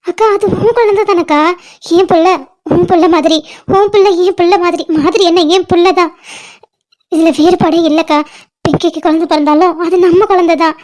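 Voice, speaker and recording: A woman with a high voice plays a younger sister in a cartoon family drama. She pleads and comforts emotionally and affectionately. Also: darkish tone. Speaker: voice actor for animated family drama.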